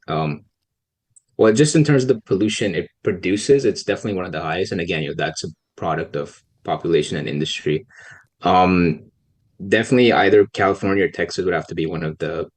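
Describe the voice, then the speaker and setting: A young policy researcher from Pakistan, with a low, husky voice, answers interview questions on a casual podcast. His delivery is gentle and halting, full of pauses.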